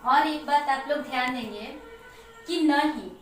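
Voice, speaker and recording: A woman teacher explaining a Hindi lesson to children slowly and step by step, with example words. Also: sits high, faint music behind. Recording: echoey room, mic far off, faint noise.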